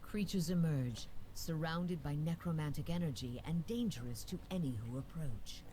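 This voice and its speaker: A woman's voice: low-pitched, moderate pace, mellow, a little hiss or hum, natural voice. A woman giving dramatic, scripted narration as a solemn dungeon master in a fantasy video game.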